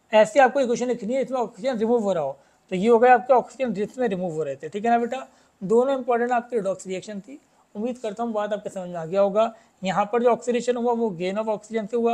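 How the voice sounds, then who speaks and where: A man teaching a chemistry lesson, reading English questions slowly and explaining them, often asking students whether it is clear. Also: extremely high pitch, dark tone. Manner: addresses students as "beta", keeps asking if it is clear.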